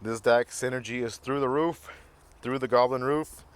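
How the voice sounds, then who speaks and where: A man's voice: mid-range voice, steady tone, normal speed, smooth. A man hosting a casual card game review, reading card text aloud and cracking goofy jokes. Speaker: card game channel host.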